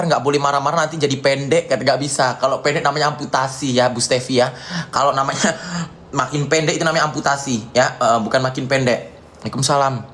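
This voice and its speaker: An Indonesian man ranting on a live stream, hurling insults and mocking taunts in a repetitive tirade. He keeps answering viewer comments and dropping "ya" between lines, at a mid-range pitch with a faint hiss of background noise. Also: fairly bright tone. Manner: repetitive, peppered with "ya".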